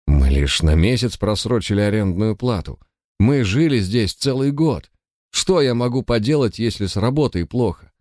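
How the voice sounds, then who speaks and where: A man's voice: on the low side, normal speed, warm tone, no room sound, studio quality, pitched above the performer's own voice, natural voice. A man voicing a desperate middle-aged male builder who pleads frantically, in an audiobook. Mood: pleading.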